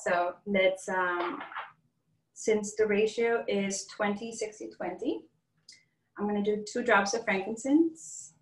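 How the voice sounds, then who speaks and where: A chatty woman leads a hands-on class demonstration and laughs easily. Her voice sits back from the microphone in a roomy, echoing space, at an ordinary middle pitch. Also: slow pace. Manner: chatty, laughs often, upbeat. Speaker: essential oils class host. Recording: roomy, distant from the mic.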